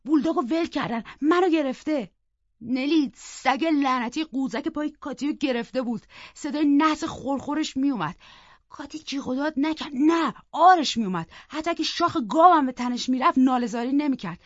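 A woman narrating a novel in an expressive, storytelling way, slipping into the voices of the characters. Her voice sits a touch high and is heard dry and close in a slightly dull, muffled recording. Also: no room sound. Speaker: audiobook reader.

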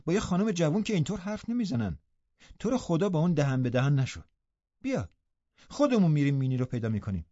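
A sensible, firm nursemaid, played by a male reader in an audiobook, speaking in a mellow, low-toned voice. She reproves the girl plainly and steadily. The recording is dry and slightly muffled. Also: very animated, no room sound. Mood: scolding. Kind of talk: audiobook character voice.

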